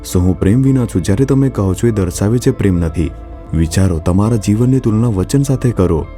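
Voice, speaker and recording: A man preaches and then leads the listeners in prayer, his lines earnest and pleading. His voice sits low and sounds very dark and mellow. Faint music plays underneath him. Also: lively intonation, fairly quick. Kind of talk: sermon with led prayer.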